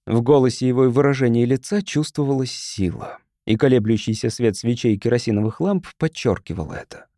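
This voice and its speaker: A man giving an expressive, dramatic audiobook narration. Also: mid-range voice, brisk, no echo, studio quality.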